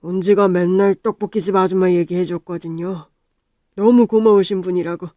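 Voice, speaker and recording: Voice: medium pitch, dark tone, dry recording, studio quality, natural voice. A voice actor playing a curt middle-aged landlord. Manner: curt, businesslike. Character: middle-aged male building owner, brusque then apologetic.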